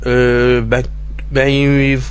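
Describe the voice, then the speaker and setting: A man with a mid-range, clean-toned voice speaks extremely slowly and completely flat as he leads an informal step-by-step tutorial. He talks straight to his listeners, narrating his own actions. Faint recorder hiss sits in the background.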